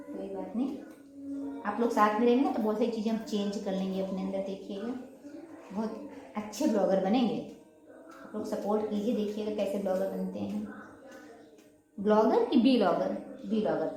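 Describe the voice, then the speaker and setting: A young woman vlogging at home, chatting quickly and casually while she cooks. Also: mid-range voice, warm tone. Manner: fast, chatty talker. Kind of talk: casual cooking vlog chat. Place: home kitchen with a fan running. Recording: very echoey room.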